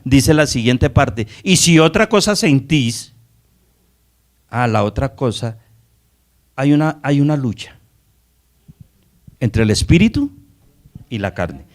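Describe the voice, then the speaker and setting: A man's voice: mid-range voice, lively intonation, measured pace, pauses often, a little mellow. Man preaching a Bible study sermon. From Colombia. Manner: preaching with rhetorical questions and asides to the congregation. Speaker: pastor.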